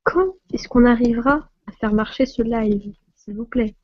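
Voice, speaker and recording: A woman's voice: fairly high pitch, measured pace, highs cut off. A woman from France hosting a casual live stream on her phone, laughing often and flustered by technical trouble.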